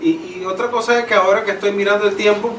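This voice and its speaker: A man's voice: high voice, fairly even intonation, fast talker, a bit bright. Man, pastor, conversational preaching, echoey room, faint hiss. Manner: affirming, conversational. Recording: echoey room, mic at a distance, faint noise.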